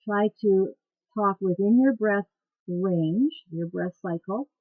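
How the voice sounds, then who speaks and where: A woman's voice: medium pitch, slow, husky, no room sound. A woman teaching dance cueing instructors how to care for their voices, in a plain, practical teaching tone. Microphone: webcam. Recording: tinny phone-like webcam recording.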